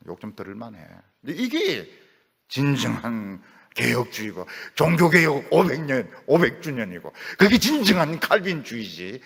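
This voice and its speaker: A man's voice: mid-range voice, fairly bright tone, slightly rough. A middle-aged male pastor preaching in a conversational way, acting out prayers in a pleading voice. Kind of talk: sermon. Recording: long church hall reverb.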